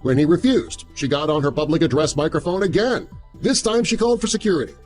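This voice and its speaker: Male narrator, scripted storytelling, slightly high voice, lively intonation, music behind. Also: fast talker. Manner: animated storytelling. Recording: music under the voice. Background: background music.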